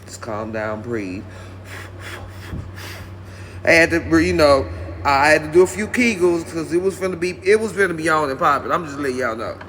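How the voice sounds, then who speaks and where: A man's voice: on the high side, a bit bright, a little hiss or hum. A male comedian telling a rambling comic story and talking directly to his audience.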